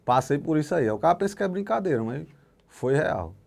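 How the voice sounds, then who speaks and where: A young man telling a crude, animated story on a podcast, acting out the voices he quotes. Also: a little high, a little fast, vocal fry. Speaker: podcast guest comedian.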